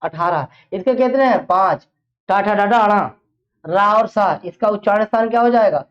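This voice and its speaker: A woman's voice: medium pitch, moderate pace. Teacher woman drilling a class. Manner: drills with repeated questions, then answers them herself. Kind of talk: classroom exam-prep lesson. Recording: dull lo-fi classroom recording.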